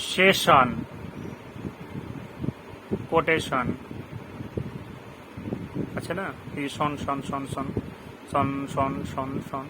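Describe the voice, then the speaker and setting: A man teaching a pronunciation lesson. He repeats each rule slowly and gives example words with their meanings. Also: a little high. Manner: asks the listeners questions. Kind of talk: classroom lesson in Bengali. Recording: noisy background hum.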